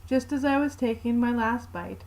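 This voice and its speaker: A woman's voice: fairly high pitch, normal speed, gravelly, darkish tone, rough recording. Woman reading a fan story. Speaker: narrator. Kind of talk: reading fanfiction aloud.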